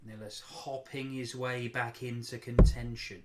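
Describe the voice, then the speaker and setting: A male darts commentator speaks at a medium pitch in live sports style. He weighs up each throw and choice analytically. The recording has loud background noise with clicks. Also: level tone, a little slow.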